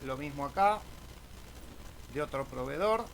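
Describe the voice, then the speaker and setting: Speaking a little slowly in a high-leaning, animated voice, this Argentine man runs a casual screen-share tutorial for his amateur radio YouTube channel. He tags many phrases with a questioning "eh?", and background noise is clearly audible.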